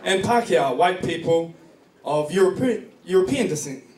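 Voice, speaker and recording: A New Zealand stand-up comedian with a high-pitched, darkish voice performs a set on a comedy club stage before a live audience. He tells profane, joking stories in an animated way at normal speed. The distant, echoey club recording picks up a noisy, laughing crowd.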